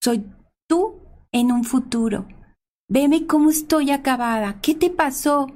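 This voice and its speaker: A woman's voice: high voice, slow, a little mellow. A woman voicing a worn-out old woman from the future in a told fairy tale, speaking in a pleading, weary way.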